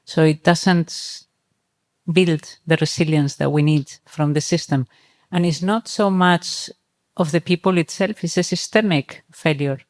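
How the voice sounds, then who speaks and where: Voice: mid-range voice, measured pace. An earnest, discursive speaker on a discussion panel, talking at length. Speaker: panelist, startup and impact advocate.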